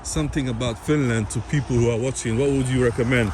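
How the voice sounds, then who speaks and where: A fast-talking man with a steady, mid-range voice hosts a casual street vlog. He walks outdoors on a winter city street, noisy with traffic, speaking to his viewers and interviewing people amiably.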